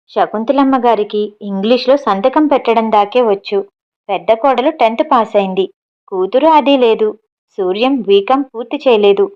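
A woman narrates an audiobook story in a plain, even reading. Her voice sits fairly high. The recording sounds dull and lo-fi.

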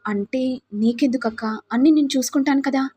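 A woman's voice: high-pitched, normal speed, dark tone, slightly rough. A woman doing a loyal, firm mother-in-law. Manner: earnest, defending.

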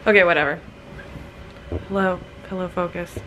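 A woman's voice: lowish voice, steady tone, normal speed, pushed and bright, a little hiss or hum, poor audio. A young woman chatting casually to her phone camera in a hotel room, laid-back and laughing often. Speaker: vlogger. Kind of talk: casual vlog chat to camera. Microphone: phone camera held close.

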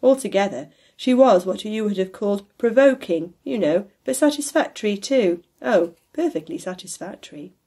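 Husky-voiced woman narrating a classic tale. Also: medium pitch. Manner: expressive, measured storytelling. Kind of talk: audiobook narration of a classic novel.

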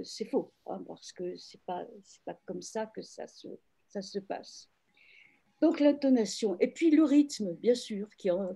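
Woman, literary translator, video call, very dark mellow timbre, hesitant and reflective. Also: mid-range voice, slightly rough. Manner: hesitant, many fillers and restarts, reflective. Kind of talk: online panel discussion, thoughtful explanation.

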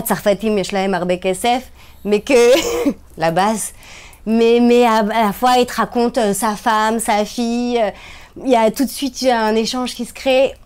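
A Frenchwoman speaks in a relaxed interview with a smooth voice. She is lively and emphatic, her pitch rising and falling as she drives her points home.

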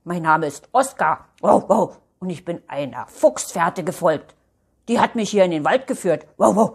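Woman plays curious little male storybook terrier, eager, barks between words, breathy voice. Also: lowish voice, lively intonation, moderate pace, heavily acted.

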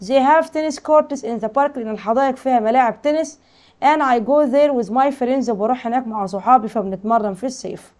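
A woman teacher with an Egyptian Arabic accent who explains a school English lesson, reading English lines slowly and translating them with questions to her pupils. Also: a little high, a little mellow.

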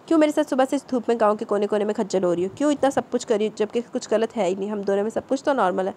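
A woman's voice: mid-range voice, a little mellow, a little hiss or hum, natural voice. A woman voicing an angry, possessive young feudal lord scolding his wife. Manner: scolding, stern.

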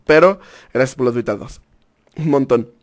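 A young man, a streamer telling a story to his chat in a casual, animated way, full of crude slang. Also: mid-range voice, unhurried.

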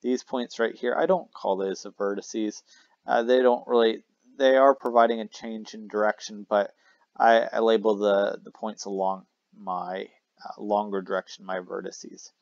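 Gravelly male math teacher, dry recording. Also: lowish voice, fairly even intonation, normal speed, no room sound. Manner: casual, self-correcting explanation with fillers. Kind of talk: recorded math lesson at a whiteboard. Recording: dry, slightly dull lo-fi mic.

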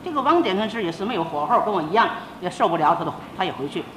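A woman's voice: big pitch swings, rapid-fire. An older woman, a senior religious teacher, giving a sermon as a personal testimony, telling her story with emotion and acting out the dialogue. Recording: roomy old tape with faint rumble.

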